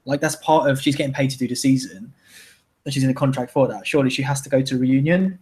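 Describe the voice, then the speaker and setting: Fast-talking young man. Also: mid-range voice, darkish tone. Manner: chatty, opinionated, full of fillers. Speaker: live stream host. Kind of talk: casual chat.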